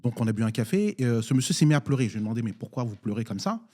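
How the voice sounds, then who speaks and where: A man from Nigeria taking part in a political debate as a municipal councillor. He speaks haltingly, with frequent fillers and restarts, in a mellow, dark voice at a middling pitch. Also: very animated. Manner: hesitant, many fillers and restarts.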